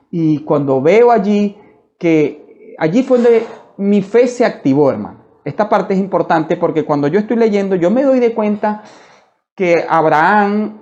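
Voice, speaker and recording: Fervent male preacher, dark muffled sound. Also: on the high side. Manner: fervent, repeats "hermano", slow emphatic phrases. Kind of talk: sermon testimony. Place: church.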